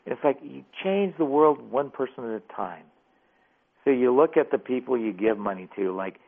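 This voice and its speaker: A man calling in to a radio show, telling stories in an animated, casual way. His low voice has a gravelly edge, and it is squeezed through a thin, tinny phone line. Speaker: author, radio guest. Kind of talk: phone-in interview storytelling. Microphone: telephone.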